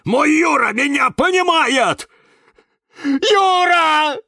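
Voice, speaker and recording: A man voicing a frantic young male cactus who shouts and wails for help in a storybook. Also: mid-range voice, moderate pace, creaky, no room sound, studio quality, far from the mic, voice pushed up. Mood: frantic shouting.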